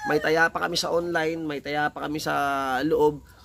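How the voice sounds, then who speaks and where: Hoarse, gravelly man over crowing roosters. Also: a little high, normal speed, very noisy. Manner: animated, heated, repeats himself. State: hoarse from shouting. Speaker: cockfighting vlogger. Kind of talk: casual vlog talk. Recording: loud roosters crowing behind.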